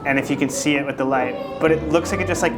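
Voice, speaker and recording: A woman's voice: deep voice, quick pace, over loud music. A woman vlogging on a handheld camera from inside a cave. She reacts in awe and half-laughing exclamations, and her voice echoes off the rock. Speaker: travel vlogger. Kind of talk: casual travel vlog chat.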